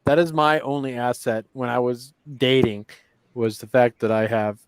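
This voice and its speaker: A man with a clear, resonant mid-range voice chats casually on a live stream at a moderate pace, with no echo. He's drunk, rambling and tipsy, joking at his own expense.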